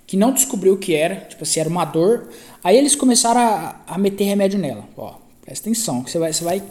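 A man's voice: sits high, darkish tone. A man with a Brazilian Portuguese accent hosting a podcast, telling a story in a casual, rambling way, often restarting and repeating himself. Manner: rambling, self-correcting, repeats phrases, slangy. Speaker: podcast host.

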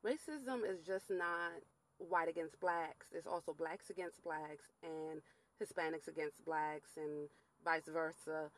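A middle-aged woman from Latin America, hosting her own vlog and telling a personal story in a candid, casual monologue with animated quoted asides. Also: low-pitched, takes it slowly, rough recording. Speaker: vlog host.

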